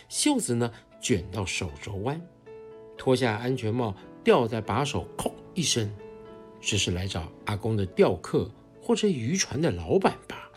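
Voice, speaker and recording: Animated woman storyteller. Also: extremely low pitch. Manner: expressive, animated reading. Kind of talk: scripted children's story narration.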